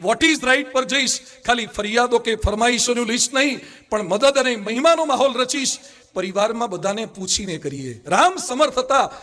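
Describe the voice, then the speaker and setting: A man's voice: very high-pitched, bright, forceful tone. A man with a Gujarati accent, a monk giving a sermon, telling anecdotes and acting out the people in them. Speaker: Swaminarayan monk preacher.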